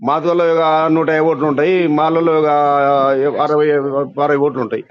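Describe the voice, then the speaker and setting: Being surveyed by phone, a local party leader complains frankly in a rural, colloquial manner with plenty of emphasis, his accent Rayalaseema Telugu. His voice is on the high side, quick and steady in tone. The telephone recording is a muffled, lo-fi leaked call.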